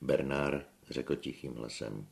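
A man reading a novel aloud as an audiobook narrator with a steady storytelling delivery. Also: rumbling low, creaky.

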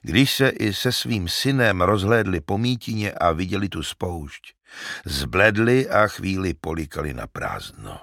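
Male narrator, low gravelly voice, lively delivery, dry close studio sound. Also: no room sound. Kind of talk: audiobook narration.

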